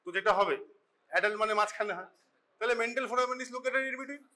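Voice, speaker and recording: A man's voice: extremely high pitch, brisk, sharp tone. A man lecturing medical students in a classroom, speaking with a Bengali accent in a chatty, scolding way, often slipping into English. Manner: chatty, scolding, switches into English mid-sentence. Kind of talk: informal classroom teaching. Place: college classroom.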